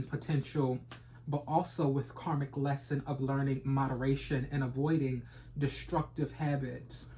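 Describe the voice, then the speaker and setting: A man's voice: a little high, darkish tone, slight background noise. A man giving a rambling, casual tarot reading full of slang and repeated phrases. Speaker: tarot reader.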